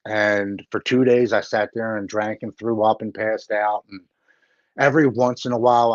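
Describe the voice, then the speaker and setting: A man's voice: mid-range voice, no echo. A middle-aged man telling his own story as an interview guest, blunt and plain-spoken, swearing casually. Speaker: interview guest, recovery advocate. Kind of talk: personal story in a live interview. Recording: dull lo-fi dry sound.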